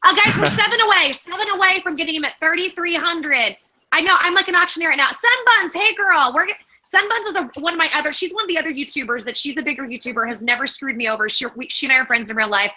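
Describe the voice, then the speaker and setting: A brash woman hosting a livestream, joking and swearing freely with her guests. Her voice sits high and sounds very bright. She talks in a loose, casual chat style. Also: fast talker, low-quality recording. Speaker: livestream host.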